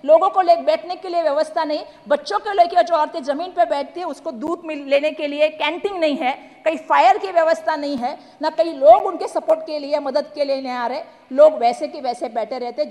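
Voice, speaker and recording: Woman, parliamentary speech, emphatic, high voice, echoey chamber reverb. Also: darkish tone. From Maharashtra. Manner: emphatic, repeatedly addressing the chair. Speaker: member of parliament.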